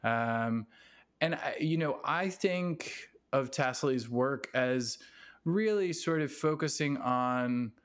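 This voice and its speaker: A man hosting a casual interview podcast in a halting, rambling, self-deprecating way. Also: medium pitch. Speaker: podcast host. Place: basement apartment at home.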